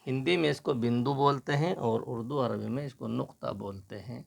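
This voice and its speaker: A man gives a slow, patient lesson in Urdu writing, talking through every stroke as he makes it. His voice is mid-range and creaky.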